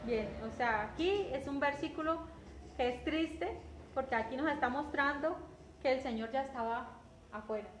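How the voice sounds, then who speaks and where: Predicadora colombiana de voz aguda. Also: female voice, high-pitched, normal speed. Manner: conversational, repeats words, often asks "¿cierto?". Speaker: preacher. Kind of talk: sermon. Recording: echoey room with faint background noise.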